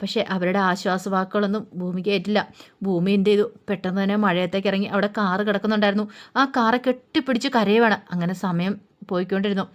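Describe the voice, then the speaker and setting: Brief: woman storyteller, casual colloquial serial recap, fills pauses with soft hums. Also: mid-range voice, steady tone. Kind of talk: casual retelling of a TV serial episode.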